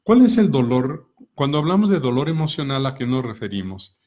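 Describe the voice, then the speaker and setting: A middle-aged man speaks at a medium pitch. He explains calmly and patiently, working through everyday examples. He often pauses to ask his listeners questions. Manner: calm, explanatory, asks many rhetorical questions. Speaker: co-host of a personal growth talk.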